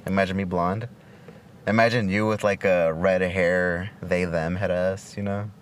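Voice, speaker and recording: Man, twenties, deep voice, slangy crude casual podcast chat, halting delivery, faint car noise. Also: fairly even intonation. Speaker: podcast co-host. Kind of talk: casual chat between friends, with swearing. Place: inside a car. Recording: noisy, recorded inside a car.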